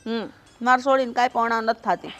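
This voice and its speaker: A woman's voice: a little high, fast talker, a bit bright, natural voice. A woman playing a controlling older mother who scolds and commands her son. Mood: domineering. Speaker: domineering mother. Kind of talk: Gujarati film drama.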